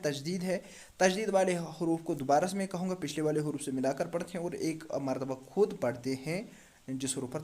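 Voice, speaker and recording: A man's voice: sits high, a little mellow. Patient man teaching Quran recitation. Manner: patient, repeats letters and asks the class questions. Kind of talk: step-by-step tajweed lesson.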